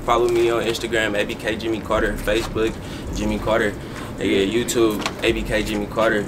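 A man's voice: lowish voice, monotone, a little fast. A nineteen-year-old male rapper in a casual interview, talking in street slang and asking "you feel me" over and over. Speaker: rapper, guest. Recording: noisy background.

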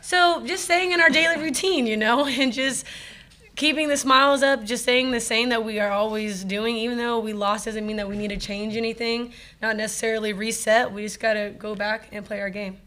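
Bright, chatty young woman athlete. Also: a little high, a little fast. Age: young adult. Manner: lively and chatty, laughing easily. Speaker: college softball player. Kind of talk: press conference answers. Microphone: table mic.

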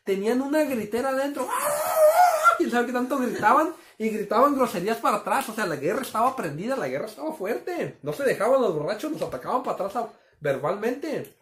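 A man's voice: very high-pitched, sing-song, quick pace, a bit bright, reverberant, a little hiss or hum. A man casually telling a story to his listeners, calling them friends and acting out the sound effects. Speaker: storyteller host.

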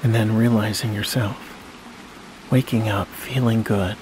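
Behind this rough recording runs a clear, rain-like wash of noise. The man, a hypnosis guide, uses a lowish voice to take listeners through a sleep meditation, keeping his short phrases slow, soothing and very even, separated by long pauses.

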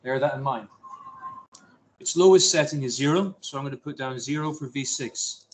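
A man's voice: medium pitch, normal speed, slight background noise, poor audio. A man teaching a science lesson to his class, talking through a simulation with jokey, self-deprecating asides.

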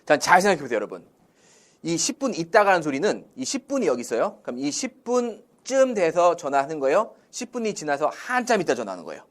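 A man's voice: on the high side, quick pace. A man teaching English in Korean, drilling phrases with call-and-response questions and acting out example lines. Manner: acts out Korean example sentences in a lively voice. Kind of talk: classroom-style language lesson.

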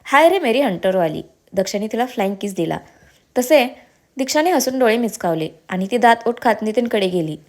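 A woman narrating a serialized family drama story with expressive storytelling. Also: on the high side, fairly quick.

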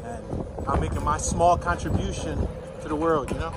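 On a city sidewalk amid traffic and outdoor ambient noise, a man in his early thirties walks and talks through an informal tour, reading off signs and street names. His voice is slightly high and fairly even in intonation, at a normal speed.

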